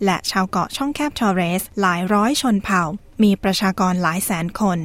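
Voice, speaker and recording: Woman, medium pitch, formal scripted news narration, careful enunciation, dry close sound. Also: animated, a little fast, fairly bright tone, no echo. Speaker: radio presenter.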